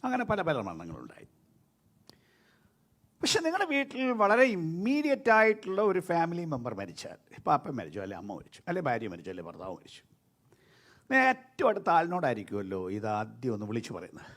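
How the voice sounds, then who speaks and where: Animated Malayali pastor preaching. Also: male voice, fairly high pitch, fairly quick. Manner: lively preaching, rising and dropping sharply between loud and soft; mixes English words into his speech. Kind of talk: sermon.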